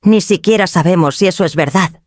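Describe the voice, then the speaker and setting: A woman's voice: on the low side, brisk, no room sound, studio quality, lightly acted. A woman voicing a cold, dismissive adult daughter who speaks curtly and impatiently in a story reading. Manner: curt, impatient.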